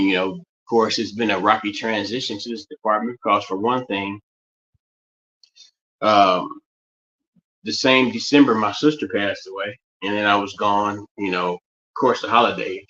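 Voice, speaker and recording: A man from West Virginia in the United States, with an Appalachian accent, rambles through a casual livestream monologue, often repeating and restarting phrases. His voice is on the low side and a bit bright, on a muffled recording.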